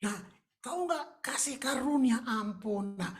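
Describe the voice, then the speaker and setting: A woman's voice: on the high side, animated, unhurried, breathy edge. A woman preaching a sermon in a colloquial, emphatic way, with English phrases mixed in.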